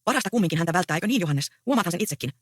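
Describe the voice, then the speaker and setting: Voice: medium pitch, expressive, no echo, clean studio sound, close to an everyday voice. A reader voicing an earnest, anxious young peasant woman in a stage play read aloud. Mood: pleading. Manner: pleading, earnest.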